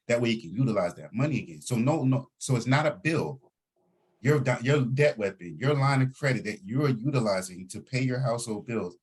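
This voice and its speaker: A man's voice: fairly low pitch, breathy edge. A man hosting a group voice chat meeting, coaching listeners and repeating his key points to drive them home. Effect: group voice chat audio. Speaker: host of an online financial team meeting. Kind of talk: coaching a group over a voice call.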